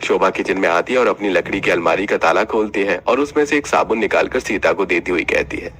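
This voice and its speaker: A man narrating an animated family story in steady scripted storytelling. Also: deep voice, fairly quick.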